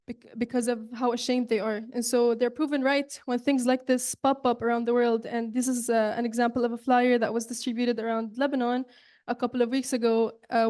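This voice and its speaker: A young woman from Saudi Arabia delivers an earnest student presentation in a fairly high voice. She talks with frequent fillers and restarts. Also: darkish tone. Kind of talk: presentation talk.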